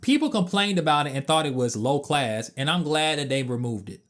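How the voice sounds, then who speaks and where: A man's voice: fairly high pitch, animated, a little fast, a bit bright. A man in his twenties giving a casual, opinionated game review with blunt, emphatic asides. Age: 20s.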